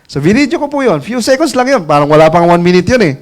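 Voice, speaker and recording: A man's voice: high voice, very animated, fast. A man telling a story to an audience in a chatty way, laughing often. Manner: chatty, laughs often, asks listeners "alam mo yung ganun?". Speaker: network marketing mentor telling a story. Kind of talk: casual storytelling talk to an audience.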